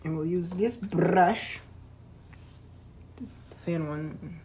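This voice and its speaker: Painting streamer, rambling self-talk, mid pitch, faint background hiss. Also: drawn-out words. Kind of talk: casual chat while painting.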